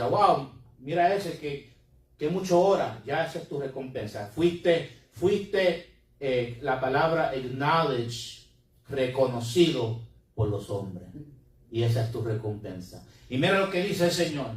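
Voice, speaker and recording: A man's voice: medium pitch, animated, measured pace. A man who is a pastor, preaching a sermon to his congregation and mixing in English words, recorded from a distance in a church hall. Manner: preaching with Spanish-English code-switching. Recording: echoey room, mic from a distance.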